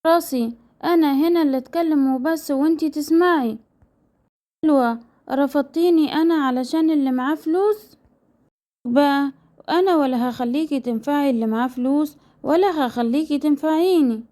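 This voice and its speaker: A woman's voice: sits high, brisk, long pauses, mellow, close to an everyday voice. Woman reading a menacing young man's lines. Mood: accusing. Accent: Egyptian Arabic. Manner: menacing, accusing. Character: obsessed violent young man, menacing kidnapper.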